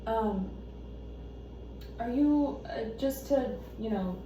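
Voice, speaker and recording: A woman playing a calm, supportive family therapist who asks gentle, probing questions in a role-play session. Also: fairly high pitch, takes it slowly, faint music behind. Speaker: therapist on a home visit. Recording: echoey room, distant mic, noisy background.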